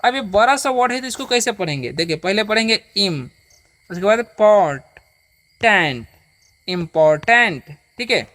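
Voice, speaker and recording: A patient teacher giving a beginner reading lesson. The teacher reads English words slowly, one at a time, for the listener to repeat, and keeps checking that the listener follows. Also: medium pitch, expressive, fairly bright tone, dry recording.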